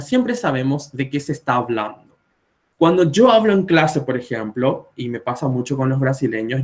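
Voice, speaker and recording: A man in his twenties, speaking at medium pitch with a Paraguayan Spanish accent, teaches Spanish on a live video stream. He patiently works through pronunciation, giving spoken examples.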